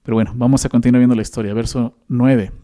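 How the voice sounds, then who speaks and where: A man's voice: medium pitch, steady tone, fast, warm tone. A man with a Mexican accent preaching a sermon as a pastor, conversational and often adding tag questions to the listeners. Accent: Mexican Spanish.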